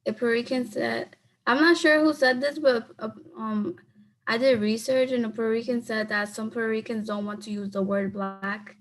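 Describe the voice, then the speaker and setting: A young woman in her student years delivers a persuasive speech for class through a video call. Her voice sits at an ordinary middle pitch, and her tone is earnest. When she answers off the cuff, she fills her talk with "like.". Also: poor audio. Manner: earnest, leans heavily on "like" when speaking off the cuff.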